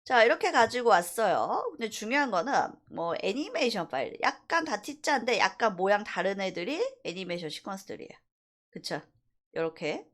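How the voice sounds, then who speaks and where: A woman who teaches animation gives a casual, explanatory software tutorial over a screen recording, switching between polite and plain speech. Her voice is medium in pitch.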